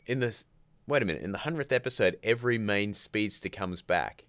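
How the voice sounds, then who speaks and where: Speaking from home in a groggy morning voice, a male livestream host rambles and chats casually, reading out viewer comments as he goes. His voice is lowish, expressive, and a bit bright, and he talks fairly quickly.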